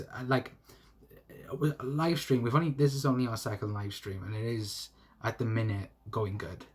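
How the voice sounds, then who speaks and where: A young South Welsh man rambles through comment-reading on a casual football live stream, halting, restarting and laughing as he goes. He sounds on the low side and husky, speaking into his phone's mic.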